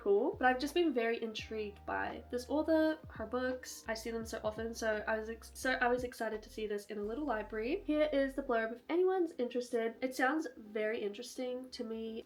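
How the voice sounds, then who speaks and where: Young woman, rambling casual vlog chat, slightly high voice. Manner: chatty, rambling, laughs often. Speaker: book vlogger. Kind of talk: casual book haul chat. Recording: soft music behind.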